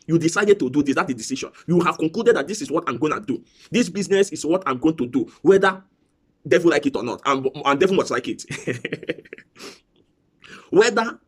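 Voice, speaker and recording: A man giving a business coaching talk, repeating key phrases with slow, preacher-like emphasis. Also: a little high, husky.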